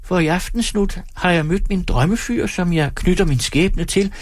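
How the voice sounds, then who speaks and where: A man's voice: high voice, dry recording, clean studio sound, pitched above the performer's own voice. A man reading an audiobook plays a sarcastic, theatrical stand-up comedian teasing someone in his audience. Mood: gleeful. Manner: sarcastic, theatrical, mock-polite.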